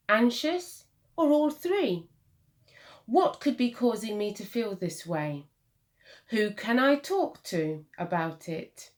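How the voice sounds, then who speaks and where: A woman with a fairly high pitch reads a children's picture book aloud. She sounds like a primary school teacher, expressive and using deliberate dramatic pauses and emphasis for her young listeners.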